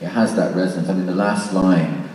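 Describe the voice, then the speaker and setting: Fairly quick and a little mellow, a deep male voice with fairly even intonation offers informal, thoughtful panel commentary. The setting is a big, reverberant room at a public discussion, captured by a distant mic in a very echoey hall with faint noise.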